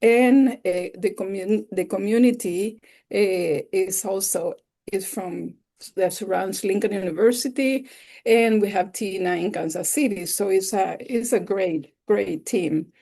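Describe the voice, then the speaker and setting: A slow-speaking woman from El Salvador, whose first language is Spanish, has a gravelly, medium-pitched, mellow voice. As a webinar instructor, she gives a slide-based lecture in an enthusiastic, explanatory way.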